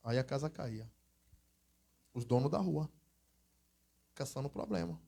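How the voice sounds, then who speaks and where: A man preaching in a church, teaching through lively anecdotes and acted-out quotes in a casual, conversational way. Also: medium pitch, measured pace, vocal fry, breathy edge. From Brazil. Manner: conversational storytelling, acts out quoted voices, exclamatory. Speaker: evangelist preacher. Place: church hall.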